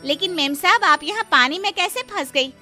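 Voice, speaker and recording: A woman's voice: extremely high pitch, animated, normal speed, pushed and bright, soft background music, voice pushed up, exaggerated voice. A woman voicing a humble, deferential poor housemaid who pleads, in a cartoon moral story. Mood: concerned.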